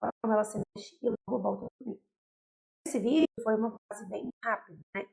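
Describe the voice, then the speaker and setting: A woman's voice: mid-range voice, fairly even intonation, brisk, gravelly, mellow, rough recording. A young Brazilian woman pediatrician explaining baby care to parents in a direct, explanatory way, often checking in with "tá?" and "né?". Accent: Brazilian Portuguese. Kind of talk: educational talk to parents.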